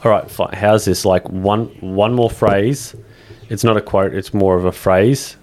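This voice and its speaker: A man's voice: fairly low pitch, unhurried, darkish tone. A man co-hosting a podcast in casual chat, earnestly sharing sayings. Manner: earnest, shares quotes and sayings. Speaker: podcast co-host.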